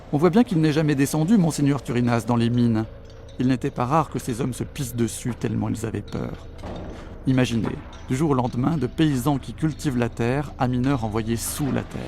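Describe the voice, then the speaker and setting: Gravelly male documentary narrator. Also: medium pitch. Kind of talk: scripted narration.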